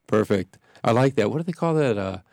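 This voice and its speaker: A man's voice: on the low side, lively intonation, a little fast, vocal fry, a little mellow, dry recording, clean studio sound. A congested man, a pastor hosting a radio show, talking in a rambling way that keeps breaking off and restarting. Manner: rambling, self-interrupting. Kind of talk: casual radio chat. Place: radio studio.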